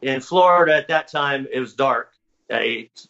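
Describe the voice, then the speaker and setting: Bright-voiced man telling a story. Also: medium pitch, normal speed, creaky. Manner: rambling, self-correcting narration. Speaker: guest recounting experiences. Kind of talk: casual storytelling. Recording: dull lo-fi audio.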